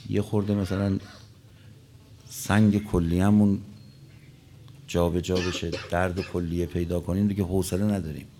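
A man's voice: low voice, flat delivery, long pauses, mellow, a little hiss or hum. A man preaching a religious sermon, telling stories and quoting Arabic lines, his voice rising and dropping.

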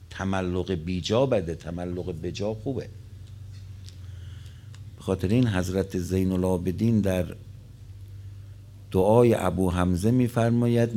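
Low-voiced preacher giving a sermon. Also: male voice, dark tone. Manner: storytelling with Arabic quotations, voice rising and dropping. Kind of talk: religious sermon.

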